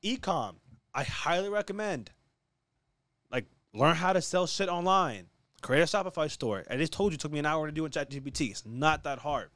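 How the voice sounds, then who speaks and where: A man's voice: a little high, animated, moderate pace, a bit bright, dry recording, studio quality. A man talking casually as a podcast guest in a cocky finance-bro hustler manner, blunt and slangy, swearing often and repeating himself for punch. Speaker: podcast guest, online business entrepreneur.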